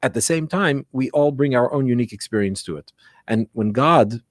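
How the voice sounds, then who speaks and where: A man's voice: mid-range voice, expressive, normal speed, dry recording. A man speaking as a rabbi, explaining religious teaching conversationally and reflectively, often posing questions and checking in with the listener. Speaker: rabbi giving religious guidance.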